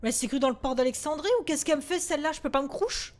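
A woman's voice: sits high, rapid-fire. A woman streaming a horror game live, jittery and swearing often as she scolds the ghosts on screen. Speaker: gaming streamer. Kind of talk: live horror gameplay commentary.

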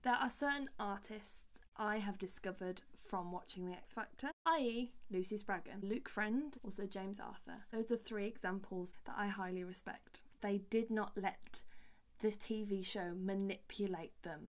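A woman's voice: mid-range voice, normal speed. Exasperated young woman ranting. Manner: animated and exasperated, voice leaping up on outbursts. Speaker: singer-songwriter vlogger. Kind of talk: ranting vlog monologue.

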